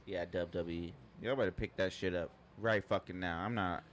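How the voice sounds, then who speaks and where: A man's voice: low voice, fairly even intonation, moderate pace, slight background noise. A young man hosting a casual podcast chat, joking, swearing and laughing often. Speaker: podcast host.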